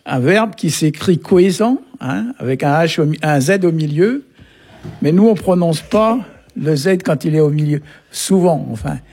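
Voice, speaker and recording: A man's voice: a little high, lively intonation, moderate pace, a little mellow, husky. A man from Brittany, a language teacher, patiently explaining words on a radio lesson. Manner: patient, explanatory, peppers talk with short tags.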